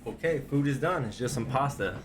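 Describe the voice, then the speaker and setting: A man's voice: mid-range voice, lively intonation, brisk, a little hiss or hum. A man at home giving casual, rambling reaction commentary on videos, loose and laid-back, with lots of filler words.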